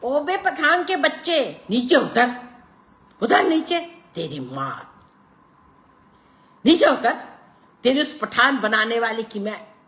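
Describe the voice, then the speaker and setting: An enraged male clerk screams abuse in a high, piercing voice, as a woman puts him on. He is frantic and out of control, shouting at full force. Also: big pitch swings, slow pace, long pauses, heavily acted.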